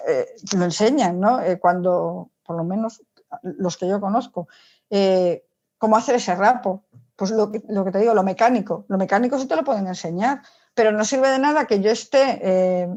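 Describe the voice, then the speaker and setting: With a dark tone and medium pitch, a woman talks at a moderate pace. She's a psychologist answering interview questions, voicing her opinions casually and emphatically with plenty of rhetorical questions, on dull lo-fi audio.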